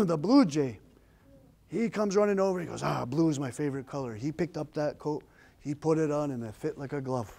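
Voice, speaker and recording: A man's voice: a little high, lively intonation, moderate pace, gravelly, mellow. A man telling a traditional story in a folksy, repetitive oral style. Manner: folksy, repetitive, rising with the action.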